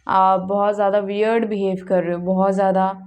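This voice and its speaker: A woman's voice: mid-range voice, level tone, fairly quick, darkish tone. A young woman giving a casual, chatty tarot reading to her viewers, often checking in with "okay?" and mixing in English words. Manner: chatty, keeps asking "okay?" and mixes in English. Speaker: tarot card reader.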